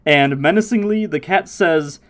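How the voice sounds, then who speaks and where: A man hosting a casual podcast, recapping episodes in an animated way and slipping into impressions of the characters. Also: fairly high pitch, normal speed. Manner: animated, mimics characters' voices while recapping. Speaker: podcast host.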